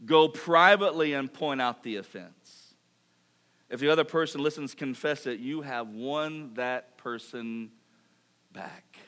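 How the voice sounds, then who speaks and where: A man's voice: mid-range voice, a little slow. A middle-aged man preaching a sermon, reading Scripture aloud and acting out mock apologies with humor. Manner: lively preaching, reads Scripture, mock-apologizes in funny voices. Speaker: pastor.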